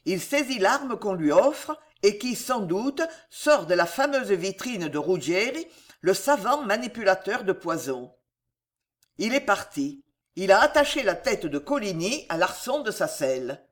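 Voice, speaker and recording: Slow, theatrical audiobook narrator. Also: medium pitch, very animated. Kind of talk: dramatic scripted narration of a novel.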